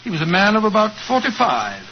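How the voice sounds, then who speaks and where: Genial, avuncular older doctor for a vintage radio drama; high voice, muffled old broadcast with light hiss. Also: male voice, very animated, fast. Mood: storytelling. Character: elderly English doctor narrator, genial storyteller. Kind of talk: 1940s radio acting.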